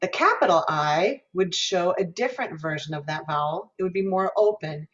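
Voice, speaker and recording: A woman's voice: lowish voice, lively intonation, moderate pace. A woman from Minnesota teaching an online diction lesson as a guest professor, explaining and voicing vowel sounds aloud over a video call. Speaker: guest lecturer, music professor. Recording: dull lo-fi video call audio.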